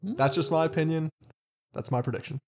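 A man's voice: on the high side, brisk. Wry man sharing opinions casually. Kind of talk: casual chat.

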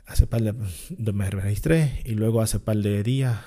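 A man's voice: on the low side, normal speed, dark tone. A man, an online seller talking to his channel in a casual, rambling way that often stops to correct himself. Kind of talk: casual vlog monologue.

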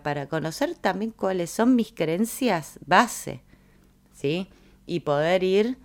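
A woman with a Rioplatense Spanish accent giving a reflective, casual talk on personal growth, thinking aloud and acting out quoted lines. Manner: acts out quoted dialogue with raised pitch; musing, thinking aloud with fillers.

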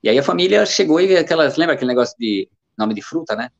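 This gravelly, fairly high-pitched voice belongs to a Brazilian man in his fifties who runs as an amateur. Expressive and fast-talking, he rambles through stories with many fillers as a casual interview guest, recorded with a dull lo-fi sound.

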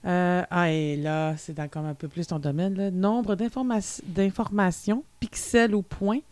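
A woman's voice: fairly low pitch, steady tone, a little slow, darkish tone, dry recording. A woman with a Québécois accent, co-hosting a podcast and reading dictionary definitions in a chatty way, with many fillers. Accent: Québécois French. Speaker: podcast co-host. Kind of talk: casual chat.

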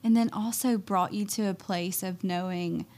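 A woman hosts a relaxed interview and keeps her guest going with steady "mm-hmm"s and "yeah"s. She then steers the talk onward with friendly, conversational questions. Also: mid-range voice, moderate pace. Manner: affirming, with frequent "mm-hmm" and "yeah". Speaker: podcast host.

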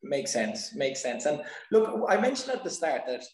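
A man's voice: a little high, very animated, moderate pace, a little mellow. A man hosting a casual interview in a chatty, affirming way, often repeating his phrases. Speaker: interview host. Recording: echoey room.

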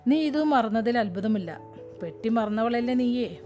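A woman reading out the lines of a fussy young husband who scolds his wife for her forgetfulness, with sharp, nagging questions. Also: fairly high pitch, animated, a little slow. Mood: scolding. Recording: music playing behind.

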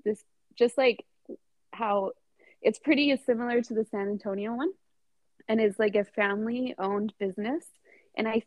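A woman's voice: mid-range voice, dry recording, muffled recording. A woman hosting a casual podcast chat, giggly and full of "like" and "oh my God". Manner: chatty, giggly, lots of "like" and "oh my God". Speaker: podcast host.

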